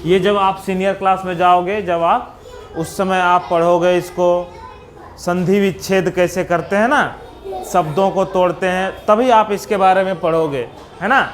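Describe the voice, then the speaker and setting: Bihari-accented man, primary-school teacher, slow and patient, breaks words into single sounds. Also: high voice, fairly even intonation, a little hiss or hum. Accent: Bihari Hindi. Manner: patient, spells out letters and sounds one by one. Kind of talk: slow classroom explanation for young children.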